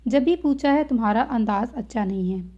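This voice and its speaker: A caring young friend, voiced by a woman reader speaks calmly and evenly. Her voice is fairly high. The audio is dull and lo-fi. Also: fairly quick, lightly acted. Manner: calm, even-tempered.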